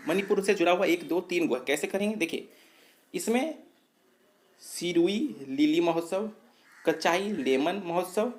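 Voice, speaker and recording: A man's voice: on the high side, fairly bright tone. A man teaching a lesson on memory tricks, explaining step by step, asking himself questions and answering them, and correcting his own slips. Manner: explanatory, repeats points, asks and answers himself. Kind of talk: exam-prep mnemonic lesson.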